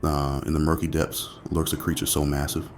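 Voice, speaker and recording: A man narrating a nature documentary from a script in an ominous, dramatic way, with slow phrasing and weighty pauses. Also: rumbling low, level tone, slight background noise.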